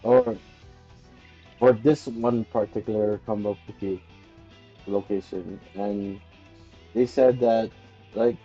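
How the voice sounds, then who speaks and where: A man's voice: fairly low pitch, lively intonation, slow, vocal fry, pauses often, dark tone, husky, muffled recording, faint music behind. A man streamer chatting casually and telling rambling stories. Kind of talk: casual chat.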